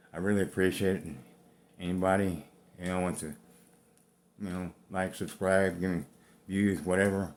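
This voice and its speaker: A very low-pitched man in his fifties speaks short of breath. He talks bluntly and rambles, swearing freely as he tells his own story to camera. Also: a little mellow, a little hiss or hum. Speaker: vlogger. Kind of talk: personal talk to camera.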